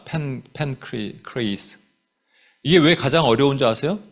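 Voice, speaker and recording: A man preaching a sermon as a pastor, animated, dropping English phrases into his talk. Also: a little high. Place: church sanctuary.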